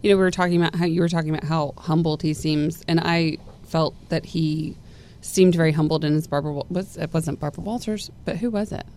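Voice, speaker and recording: A woman chatting casually with a co-host, animated and quick to laugh. She jumps in over her partner's lines. Her voice sits a little low for a woman. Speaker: podcast co-host. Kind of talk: casual chat.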